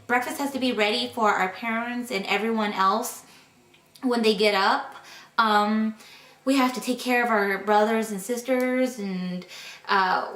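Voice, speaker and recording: A woman's voice: fairly high pitch, fairly bright tone, far from the mic. A teenage girl speaking hesitantly about her life in a documentary interview. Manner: hesitant, searching for words. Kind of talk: personal testimony in a documentary interview. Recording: echoey room, speaker off-mic.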